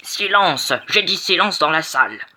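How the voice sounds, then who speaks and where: A man's voice: a little high, animated, a little slow, pushed and bright, full character voice. A man voicing a stern, formal male judge in an amateur game voice-over.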